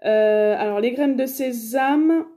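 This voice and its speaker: Chatty woman with a mellow, slightly high voice. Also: slow. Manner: chatty, hesitant, many fillers. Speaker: haul vlogger. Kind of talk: casual shopping haul chat.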